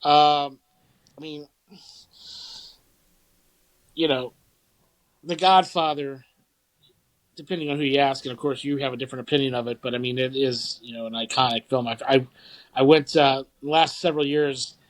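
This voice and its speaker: A man's voice: medium pitch, steady tone, moderate pace, long pauses, poor audio. A man, co-hosting a podcast in casual, rambling chat full of fillers and restarts. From St. Louis area, Midwest US. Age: 40s. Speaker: podcast co-host.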